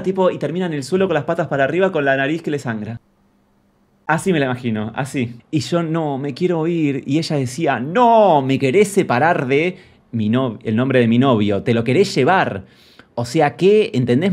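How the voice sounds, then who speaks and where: A man's voice: mid-range voice, lightly acted. A man with a Rioplatense Spanish accent playing a brash, gossipy female friend character, reading out a viewer's story and mocking it in a camp, theatrical way. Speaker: comedy creator reading viewer anecdotes in character. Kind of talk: character comedy monologue.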